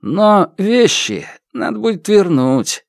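Man doing placating male aide, raised pitch, smooth, conciliatory, audiobook character. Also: very animated, slow, no room sound, studio quality, full character voice.

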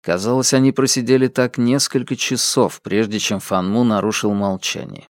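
A man reading a novel aloud as audiobook narrator, measured and unhurried. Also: mid-range voice, fairly even intonation, no room sound. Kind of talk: scripted narration.

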